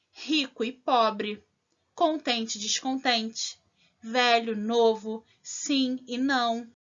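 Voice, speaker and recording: A woman teacher, giving a recorded lesson to children, spelling out examples slowly and with clear stress and often checking in with the listener. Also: fairly high pitch, a bit bright. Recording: dull lo-fi audio.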